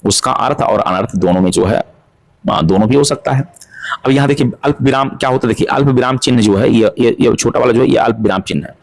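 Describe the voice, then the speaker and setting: A man teaching an exam-prep grammar lesson, asking questions and answering them himself to drill each point. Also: mid-range voice. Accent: Hindi-speaking North Indian.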